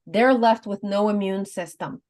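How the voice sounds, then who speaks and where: A woman's voice: mid-range voice, measured pace, darkish tone. A woman in her fifties on a talk show, earnestly explaining step by step and laughing easily. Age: 50s. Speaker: guest advocate. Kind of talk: casual explanatory chat.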